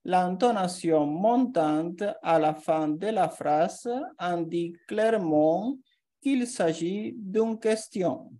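Very slow, mellow-voiced woman teacher. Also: fairly low pitch. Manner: slow, careful reading of example sentences. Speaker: language teacher. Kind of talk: slow scripted grammar lesson.

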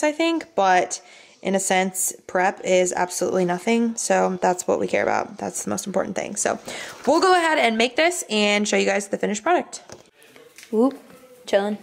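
A woman's voice: mid-range voice, creaky, a little hiss or hum. Chatty woman vlogging in an echoey kitchen. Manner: chatty and upbeat, rambling asides. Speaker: lifestyle vlogger. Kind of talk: casual chat to camera. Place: home kitchen, indoors. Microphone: camera set down nearby.

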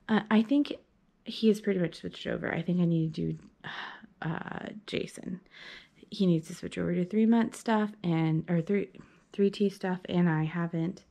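Holding her phone at arm's length in a small playroom, a young mother vlogs casually from home, rambling through many fillers and restarts. She speaks in a fairly low, darkish voice with vocal fry.

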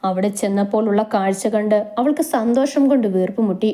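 A woman narrating a romantic story in a soft, steady, intimate reading voice. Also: medium pitch, a little fast.

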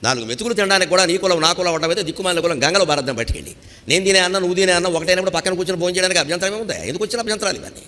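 A man's voice: high-pitched, animated, rapid-fire, bright, forceful tone, big-room sound. A man giving a devotional discourse, asking rhetorical questions and quoting Sanskrit verses. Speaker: spiritual speaker.

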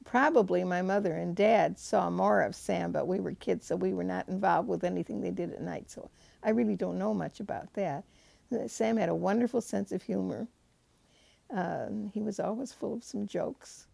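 An older woman reminiscing in a documentary interview. Her voice is very gravelly and dark, and the recording is dry and close. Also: on the low side, moderate pace, dry recording.

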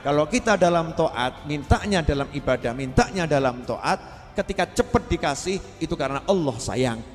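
Lively male preacher. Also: fairly high pitch, moderate pace, big-room sound. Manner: lively, asks the audience questions. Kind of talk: sermon.

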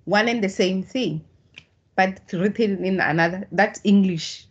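Her voice is mid-range and slightly rough, and the video-call audio has its highs cut off. She is a South African woman, Tswana as her first language, giving a slow, patient statistics tutorial online with frequent restarts.

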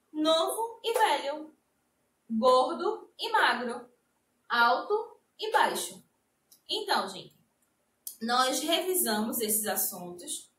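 A woman teacher with a Brazilian accent, slowly explaining a lesson to young children and drawing out her example words. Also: high voice, a bit bright, slight background noise. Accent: Brazilian Portuguese. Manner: slow, sing-song explaining with drawn-out example words. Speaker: primary school teacher. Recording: echoey room, a bit distant mic.

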